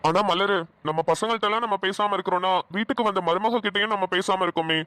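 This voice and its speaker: A performer voicing a fumbling old cartoon husband who coaxes and trips over his words. His voice sits mid-range and sounds close and dry. He stays gentle and a little sheepish. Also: medium pitch, quick pace, no room sound, natural voice. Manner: stammering, coaxing. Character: elderly husband and father, gentle, fumbling, jokey. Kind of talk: cartoon dialogue.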